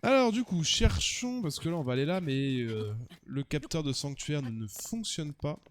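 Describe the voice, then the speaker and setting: High-voiced, chatty male game streamer. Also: expressive, slight background noise. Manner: joking, chatty, with quick asides to viewers. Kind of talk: casual gaming commentary.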